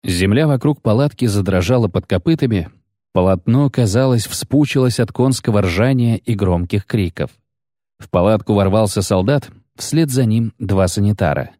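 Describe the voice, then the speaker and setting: A man narrating an audiobook in a steady, even storytelling voice. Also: lowish voice, normal speed, no echo. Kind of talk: scripted narration. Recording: dry studio sound.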